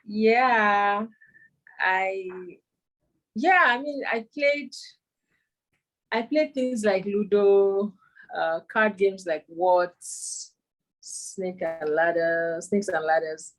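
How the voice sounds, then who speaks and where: A Nigerian performance poet and author in her thirties reminisces casually about her childhood in a remote video-call interview, thoughtfully searching for words with frequent ums. Her voice is mid-range, and the audio is poor.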